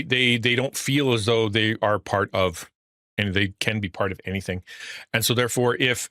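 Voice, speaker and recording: A middle-aged pastor and streamer talks casually on a livestream in a lowish, sharp, fatherly voice, recorded with studio quality and no room sound. He is earnest and rambling, restarting sentences and reading the chat aloud.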